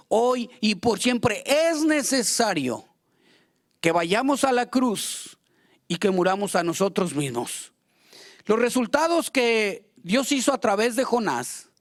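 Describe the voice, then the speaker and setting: A man preaching a fervent sermon as pastor, acting out quoted prayers and complaints. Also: very high-pitched.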